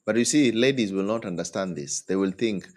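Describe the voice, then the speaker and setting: A man giving relationship advice to an audience. He talks in an animated way, jumps his pitch up when acting out what partners say, and keeps checking in with "hmm?" and "eh?". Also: fairly quick. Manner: animated, acts out quoted partners with leaps in pitch; tag questions like "hmm?" and "eh?". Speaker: relationship speaker.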